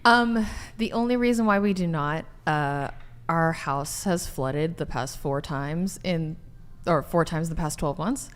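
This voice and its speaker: A woman in her twenties, a podcast guest speaking candidly and openly about her life in a relaxed way. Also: sits low, measured pace, clear, resonant tone. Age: 20s. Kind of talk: casual chat.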